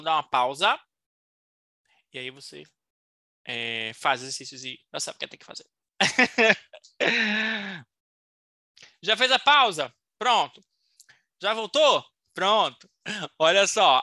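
Bright, playful woman teacher. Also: on the low side, no room sound. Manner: playful, teasing, encouraging, models English phrases slowly. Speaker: English teacher. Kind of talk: recorded online English lesson.

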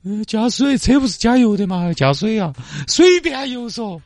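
A man voicing a whiny, self-pitying woman truck driver who is stranded on the highway in a comedy skit. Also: expressive, moderate pace, darkish tone, no echo, soft background music. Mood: whiny, tearful. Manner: whiny, self-pitying wailing and dramatic complaints. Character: weepy, helpless woman trucker, middle-aged.

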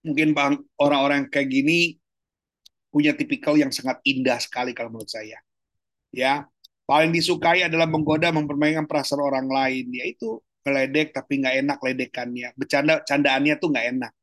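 A man, a pastor, giving a casual teaching talk on a video call, colloquial and animated, jumping up in pitch for emphasis. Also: a little fast, no room sound. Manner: animated, colloquial, jumps high in pitch for emphasis and laughs often. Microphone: online video call.

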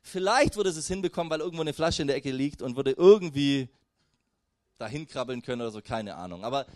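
A man's voice: mid-range voice, quick pace, no echo, clean studio sound. A young man giving a casual, conversational sermon, talking straight to his listeners. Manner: conversational, lively, addresses listeners directly with "hey" and "weißt du". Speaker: preacher.

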